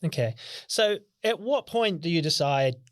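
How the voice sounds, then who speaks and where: A man hosting a podcast, asking calm, steering interview questions. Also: fairly high pitch, unhurried, dry recording, clean studio sound.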